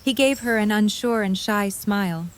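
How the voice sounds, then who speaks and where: A woman with a middle-pitched voice narrates a scripted audio drama, reading third-person prose at normal speed.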